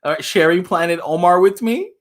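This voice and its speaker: An imam runs a children's story hour, reading and conversing with animated energy and asking the kids questions. He talks at a normal speed with a high-pitched voice.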